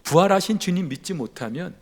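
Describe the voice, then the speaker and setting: A male pastor preaching a Sunday sermon in a church sanctuary, animated, swinging from loud emphasis down to a near whisper. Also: high-pitched, a little fast. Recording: reverberant church hall.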